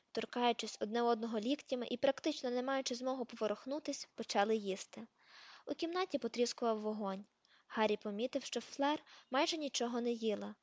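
A woman narrating an amateur audiobook, steady reading that even includes page numbers. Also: fairly high pitch, no echo, highs cut off. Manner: reads page numbers aloud. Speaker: audiobook reader.

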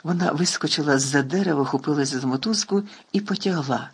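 A man narrating an audiobook in a lively, expressive reading. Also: on the high side, brisk, breathy edge. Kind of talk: storybook reading.

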